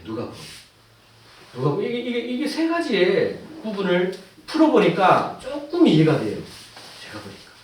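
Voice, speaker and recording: A male pastor preaching a sermon, moving between quiet explanation and loud pleading cries. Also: a little hiss or hum. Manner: swings from low asides to loud pleading cries. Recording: echoey hall, voice from far off.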